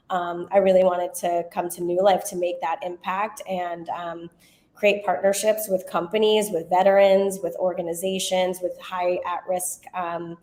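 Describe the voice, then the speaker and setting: A woman's voice: fairly low pitch, darkish tone. A middle-aged woman speaking on a webinar panel over a video call, earnest and full of ums. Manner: earnest, filler-heavy. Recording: echoey room.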